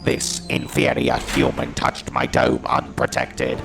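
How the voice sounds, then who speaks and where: A man voices a ruthless, defiant alien war machine in an audio drama, his slow, staccato lines menacing, cold and robotically modulated. Loud music plays behind him.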